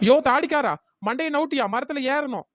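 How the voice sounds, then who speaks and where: Brief: a performer as feisty young tree-climbing woman, high and quick. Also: close to an everyday voice. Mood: bossy. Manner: sharp, scolding. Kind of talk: cartoon voice acting.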